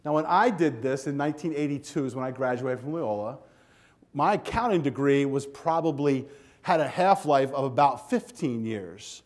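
A man's voice: mid-range voice, moderate pace. An older man giving a keynote speech to students in a hotel ballroom, talking energetically and directly, on a lapel mic. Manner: energetic, animated, walks the stage with a handheld clicker. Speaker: keynote speaker. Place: hotel ballroom with a seated audience.

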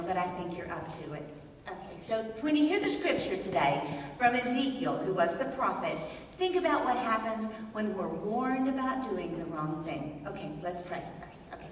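Middle aged lady doing kids church message, gently instructive, super echoey hall, faint noise. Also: fairly low pitch, distant mic. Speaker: ventriloquist giving a children's church message. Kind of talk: children's sermon as chat with a puppet. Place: large church sanctuary, indoors. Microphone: distant camera.

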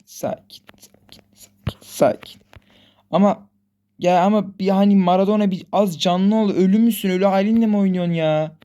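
A woman's voice: lowish voice, dark tone. A woman hosting a gaming channel, giving live commentary on her own football match and pleading with and scolding her players aloud.

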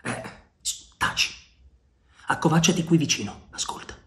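A man's voice: medium pitch, fairly quick, lightly acted. Bold loyal pirate man, a man doing him, barks orders and teases his friend. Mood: hushed. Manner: urgent, shouting commands. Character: bold brash male pirate adventurer, teasing and loyal.

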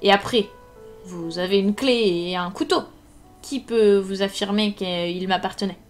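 A woman's voice: medium pitch, measured pace, close to an everyday voice. A woman reading aloud voices a frightened male servant accused of murder, protesting and stammering his denials over faint music. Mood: defiant. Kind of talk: live audiobook reading.

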